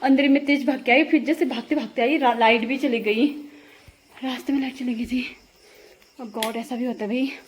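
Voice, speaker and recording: A woman tells the story of a scare in a casual vlog shot on her phone camera, laughing along the way, first out walking at night and then back at home. Her voice is fairly high with a steady tone at a moderate pace, and a slight hiss or hum runs beneath it.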